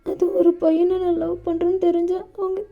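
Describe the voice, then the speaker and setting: A woman's voice: very high-pitched, level tone, normal speed, pitched above the performer's own voice. A woman voicing an anxious, clingy young man who pleads and sobs in a storybook romance. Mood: tearful pleading. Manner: sobbing, pleading, sulky. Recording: dull lo-fi with faint music.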